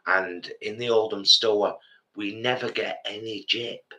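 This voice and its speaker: This is a fifty-something English man with a cold, a bit congested, chatting casually as a live-stream co-host. He's an animated, rambling storyteller whose fairly low voice moves at a measured pace.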